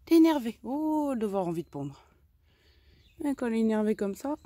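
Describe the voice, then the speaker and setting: A woman's voice: medium pitch, sing-song, quick pace, dark tone, no echo. A woman casually explaining her chicken coop and garden work outdoors, chatty and step by step, with many tag questions. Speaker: vlogger keeping chickens and a garden.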